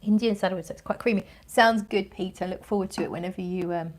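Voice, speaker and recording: A woman with a mid-range voice chats casually as she hosts a livestream review. She thinks out loud, wandering through her impressions and feeling around for the right word. The delivery is informal and conversational. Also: medium pitch, quick pace. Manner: rambling and conversational, searching for words. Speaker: fragrance reviewer and livestream host. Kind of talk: casual livestream chat, thinking aloud while reviewing scents.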